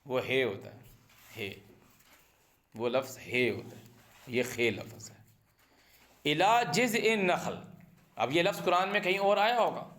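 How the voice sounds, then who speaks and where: A man's voice: on the high side, big pitch swings, long pauses, a bit bright. A man teaching a word-by-word Quran translation lesson, reciting each Arabic phrase and then explaining it in Urdu. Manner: questions and comments on printed translations.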